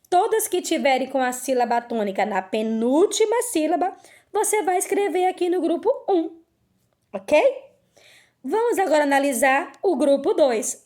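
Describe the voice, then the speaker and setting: A woman teacher with a bright, fairly high voice walks her pupils patiently through a lesson. She often poses questions and then answers them herself, one step at a time. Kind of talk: recorded remote lesson.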